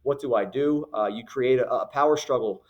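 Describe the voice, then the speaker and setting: A man's voice: mid-range voice, normal speed, lo-fi sound. A man running a youth basketball league, giving firm, earnest rules to parents in a recorded announcement, with many fillers and restarts. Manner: repeats phrases for emphasis.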